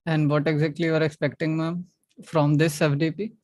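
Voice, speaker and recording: A man's voice: a little high, level tone, fairly quick, a little mellow, no echo. A man with a North Indian accent leading an interactive online class as trainer, repeating instructions and checking in with short questions.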